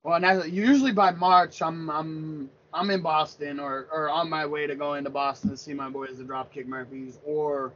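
A man's voice: a little high, steady tone, normal speed, few pauses, fairly bright tone. A man in his thirties from Pennsylvania, talking sports casually and rambling, with many restarts. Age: 30s. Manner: rambling, repeats words and restarts often. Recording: lo-fi dull sound.

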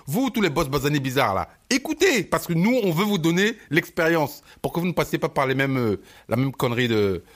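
A man co-hosting a podcast in casual chat, animated and slangy, often stammering on repeated words. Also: a little high, brisk, hardly any pauses. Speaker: podcast co-host.

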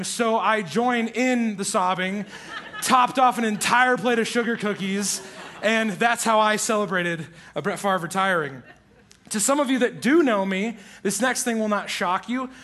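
A young man from Iowa speaks from a church stage, his voice pitched high for a man and ringing with a forceful brightness. He jokes about himself and laughs easily as he introduces himself to the congregation. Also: measured pace. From Iowa, USA. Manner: playful, self-deprecating, laughs often. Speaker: church pastoral resident. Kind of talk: humorous self-introduction to a congregation.

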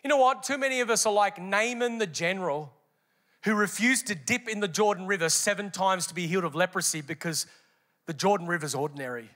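A man's voice: high voice, brisk, a bit bright. A man preaching a sermon as pastor, emphatic and repeating phrases for rhythm.

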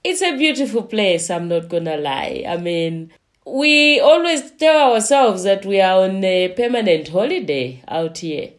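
A woman from Zambia, a lodge manager, talking slowly with many pauses as a guest in a remote interview. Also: medium pitch, sing-song. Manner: slow, unhurried, with frequent pauses.

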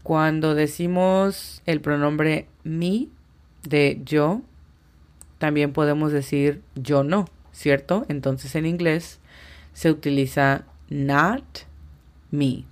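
A woman's voice: deep voice, steady tone, slow, darkish tone. A woman teaching English on a podcast, patiently explaining step by step and spelling out pronunciations. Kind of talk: podcast language lesson.

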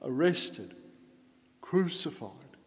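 A priest reads the gospel and preaches in a slightly high voice, leaning hard on key phrases. His words ring out with a cathedral echo, trailing off into the long reverb of a large stone church. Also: big pitch swings, drawn-out words. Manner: earnest preaching with strong emphasis on key phrases. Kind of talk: Mass gospel reading and homily.

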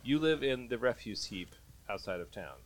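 A man's voice: mid-range voice, expressive, normal speed. A man narrating a tabletop game as game master, playful and often laughing.

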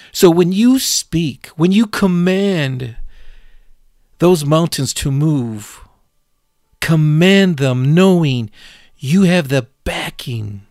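A man preaching a sermon, slow and deliberate, asking his listeners question after question. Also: mid-range voice, gravelly, darkish tone, no room sound, studio quality.

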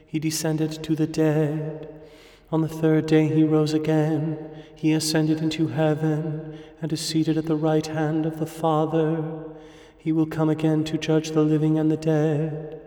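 A man leading morning prayer, reciting and partly chanting the liturgy in a slow, measured way, his voice carried by a cathedral echo. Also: on the high side, monotone, dark tone. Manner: measured, intoning responses and prayers. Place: large reverberant church. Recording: long hall reverb with faint music.

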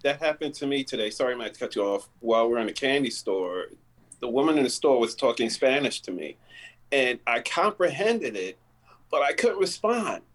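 A man's voice: mid-range voice, sing-song, normal speed, rough recording. A man in a casual chat, telling a candid, self-deprecating story.

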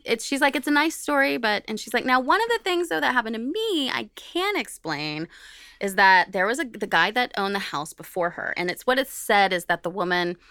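A podcast co-host casually tells a story, animatedly acting out the remarks people made. Her voice is on the high side, clear and resonant, and she speaks briskly. The recording is studio quality with no echo.

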